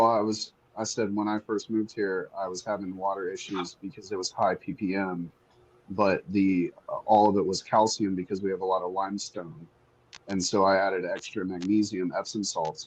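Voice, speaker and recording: A man's voice: low-pitched, little pitch movement, a little hiss or hum, rough recording. A man on a remote call whose audio keeps breaking up, talking casually and restarting his sentences as the connection drops. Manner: halting, restarts mid-sentence. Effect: choppy call audio that cuts out. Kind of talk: casual chat. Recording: online call connection dropping out.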